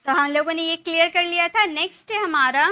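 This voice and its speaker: A woman teaching spoken English in Hindi, walking through each example step by step. She poses a question and answers it herself. Her voice sits high and sounds bright. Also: brisk.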